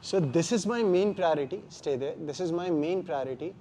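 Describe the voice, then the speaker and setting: Indian-accented man coaching grappling, higher-pitched voice. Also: brisk, dark tone, a little hiss or hum. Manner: emphatic, short repeated phrases. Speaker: jiu-jitsu instructor. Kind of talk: hands-on martial arts class instruction. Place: indoor martial arts class.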